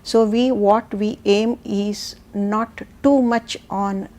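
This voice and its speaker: Slow and steady in a mid-range, darkish voice, this woman explains things point by point. She has a South Indian accent and serves as an education expert answering questions on a panel.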